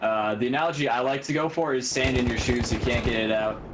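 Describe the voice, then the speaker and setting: A man giving quick, energetic play-by-play commentary on an online game match, laughing easily, with game gunfire going on behind him. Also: mid-range voice, heavy background noise. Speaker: esports commentator. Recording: game gunfire loud in the background.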